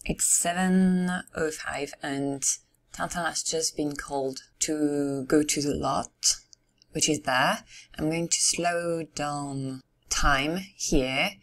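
A woman narrates a video game in a low, hoarse voice that is partly giving out. She takes her time, speaking slowly and casually, musing aloud as she plays. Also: steady tone. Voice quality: somewhat hoarse. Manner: unhurried, musing aloud to herself. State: losing her voice. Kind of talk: casual let's-play commentary.

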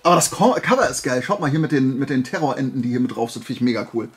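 A medium-pitched man races through his words while hosting a flea market haul video. The tone is casual and colloquial, an eager collector's show-and-tell peppered with questions he asks himself.

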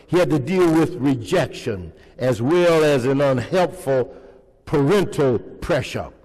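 Through a pulpit mic in a big, echoing church hall, an older man delivers a slow sermon, throwing call-and-response questions to his congregation. His medium-pitched voice is animated and somewhat dark in tone.

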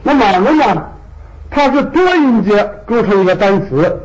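Guy lecturing a language class, kinda high voice that bounces around, says stuff twice so it sticks. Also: lively intonation, a little mellow, rough recording. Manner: patient, repeats key points with drawn-out particles. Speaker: language teacher.

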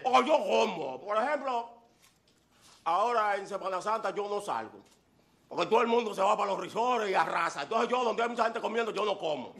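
A man delivers a boisterous stand-up comedy monologue full of exaggeration and punchy repeated lines. His voice is high-pitched, expressive, fairly quick and a bit bright, and the live show carries audience laughter.

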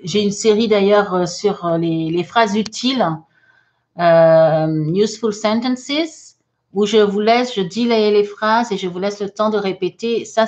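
A woman's voice: fairly low pitch, muffled recording. A woman teaching English in during a live online lesson, reading viewers' comments aloud with many fillers.

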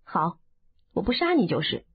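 A woman's voice: fairly low pitch, wildly swooping pitch, normal speed, slightly rough, voice pushed down, exaggerated voice. A woman doing a scornful young swordswoman. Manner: scornful, scolding. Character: haughty, quick-tempered young swordswoman. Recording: phone-like narrow band.

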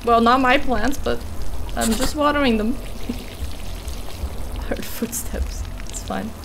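A woman's voice: a little high, takes it slowly, gravelly, noisy background. A young woman giving casual, nervous and playful commentary as she streams a horror game, reassuring herself and swearing. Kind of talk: casual let's-play commentary. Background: game music.

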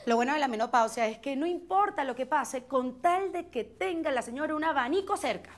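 High-voiced Venezuelan woman comedian. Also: fairly quick. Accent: Venezuelan Spanish. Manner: animated, exclaiming, slips into acted quotes. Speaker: stand-up comedian. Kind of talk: comic monologue.

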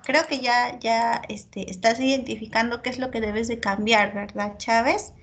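A woman teacher, giving feedback in an online class and checking in constantly with her student between filler pauses. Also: a little high, fairly even intonation, a little hiss or hum.

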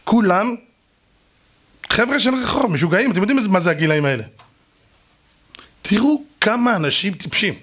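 A man, a rabbi, telling a lively story straight to his listeners and acting out other people's voices. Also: high-pitched, pauses often. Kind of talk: storytelling talk to an audience.

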